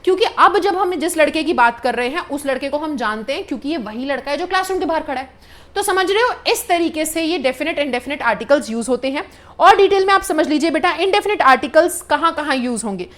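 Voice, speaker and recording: Indian woman grammar teacher, high and patient, explains step by step. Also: expressive, a bit bright. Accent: Indian English. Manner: explains patiently, repeating points, often checking with the students; reads English example sentences slowly and deliberately. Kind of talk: classroom grammar lesson.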